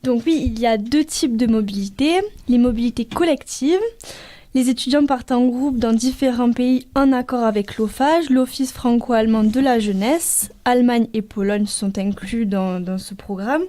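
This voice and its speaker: A woman's voice: fairly high pitch, normal speed, mellow. A woman giving a prepared explanation as a guest in a radio interview.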